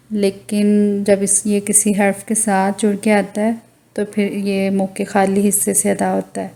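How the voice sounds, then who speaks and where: A woman teaching Quran recitation, drawing out each letter name slowly and patiently explaining with a Pakistani Urdu accent. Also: medium pitch, mellow. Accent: Urdu-speaking, Pakistani. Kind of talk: slow recitation lesson, drawn-out letter names.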